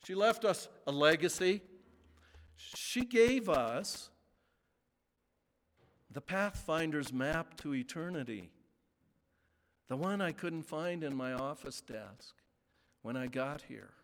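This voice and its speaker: A male pastor preaching a sermon in a church, speaking slowly with emphatic pauses. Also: fairly high pitch, expressive, fairly bright tone. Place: church sanctuary. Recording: long reverb of a large sanctuary.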